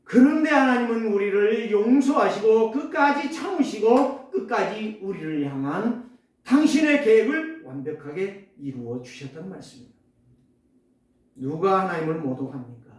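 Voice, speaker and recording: Male pastor, emphatic sermon full of rhetorical questions, lively swooping delivery, heard from a distance in a booming hall. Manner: emphatic, rhetorical questions, sudden loud and soft swings. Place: church sanctuary. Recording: echoey church hall, distant mic.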